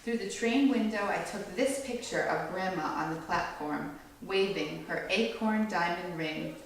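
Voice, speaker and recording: A woman reads a children's story aloud with expression and an unhurried pace, a bit of creak in her voice, though a low-to-average pitch isn't required. The mic sits far from her, across a very echoey room, with faint background noise.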